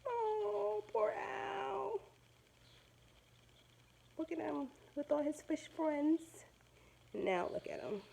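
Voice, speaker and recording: A woman teacher reads a children's story aloud with dramatic expression, stopping to explain words simply for young listeners. Her voice is extremely high and gravelly, and the recording is rough.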